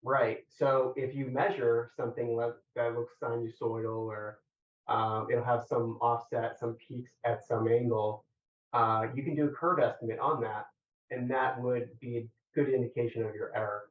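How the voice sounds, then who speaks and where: A man giving technical feedback and questions as an examiner, halting, measured and collegial, over very echoey, distant remote audio. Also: medium pitch, steady tone, phone-quality sound. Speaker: examiner questioning a thesis candidate.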